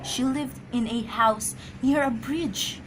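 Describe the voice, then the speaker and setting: Speaking slowly in a fairly high voice over background noise, a woman plays an anxious, imperious wife in an amateur radio drama. She is easily flustered, agitated, and stammers through her lines.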